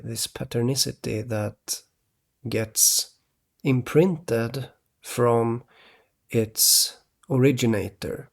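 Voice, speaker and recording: A man from Sweden, rambling in a halting monologue to his viewers, restarting often and tagging "okay?" onto his points. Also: mid-range voice, vocal fry. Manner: halting, many restarts, keeps adding "okay?". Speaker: vlogger.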